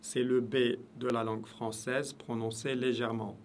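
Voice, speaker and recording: A man's voice: medium pitch, level tone. Man, pronunciation teacher, repetitive drills, faint background noise. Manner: slow, repeats each sound many times in drills. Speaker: Arabic teacher. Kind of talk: pronunciation lesson.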